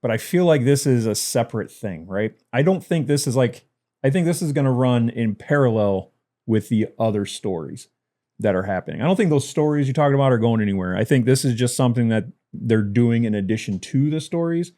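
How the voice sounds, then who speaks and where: Mellow-voiced man ranting casually. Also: medium pitch, lively intonation, a little fast. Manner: chatty, laughs while ranting. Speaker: podcast co-host. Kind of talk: casual wrestling podcast chat. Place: lives in Detroit.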